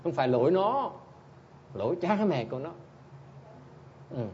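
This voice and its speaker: A man's voice: a little high, big pitch swings, a little slow, lo-fi sound, slight background noise. A man giving a dharma talk as a Buddhist teacher, speaking bluntly and in a teasing way as he answers listeners and keeps prompting them with short questions.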